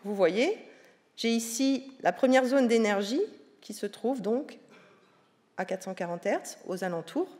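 A woman's voice: on the high side, expressive, unhurried, darkish tone. Woman lecturing in a reverberant hall. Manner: explanatory, with frequent hesitations and fillers. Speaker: voice scientist giving a public lecture. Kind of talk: public science lecture.

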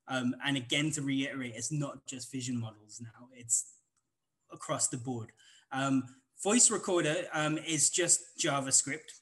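A Welsh-accented man gives a casual live coding walkthrough as a conference instructor, rambling with plenty of ums and restarts. His voice is medium-pitched, unhurried and fairly bright, and the audio is poor.

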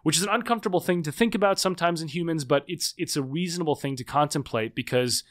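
A man in his thirties appears as a podcast guest, speaking fast in a fairly high voice. He's thoughtful and hedges a lot, with frequent fillers and restarts, in a conversational interview.

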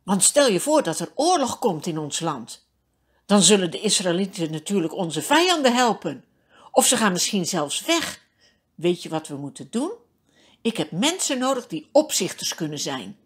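A stern, scheming king giving urgent orders in a children's storybook, as a woman reading aloud puts him on. The voice is husky, low and slow, and it swings widely in pitch. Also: sing-song. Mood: scheming, commanding. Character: stern scheming Egyptian king, adult man.

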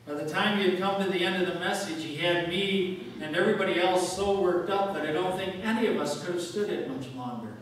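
A man's voice: high-pitched, brisk, few pauses. A male pastor preaching a dramatic sermon, building his story around repeated refrains. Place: church sanctuary. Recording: very echoey church from a distant mic, faint hiss.

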